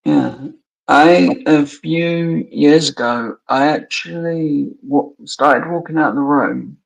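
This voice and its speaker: A man chatting casually on a stream, halting and quiet, with short murmured replies. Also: a little high, gravelly. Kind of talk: casual chat. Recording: dull lo-fi stream audio.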